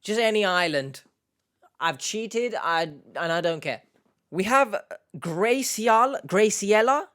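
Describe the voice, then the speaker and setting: A young UK-based man of Turkish Cypriot heritage hosts a casual YouTube Q&A, answering viewer questions in a jokey, rambling, self-mocking way. His voice is high-pitched, expressive, a bit bright, clear and resonant, and he takes it slowly.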